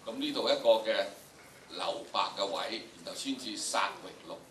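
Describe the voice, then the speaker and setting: The recording is distant, noisy, and echoey, captured in a big indoor lecture hall with an audience. There, an older drama teacher of about 70-something, with a Hong Kong Cantonese accent, lectures students theatrically and emphatically, repeating phrases. His voice is fairly low and a bit bright, moving at a moderate pace.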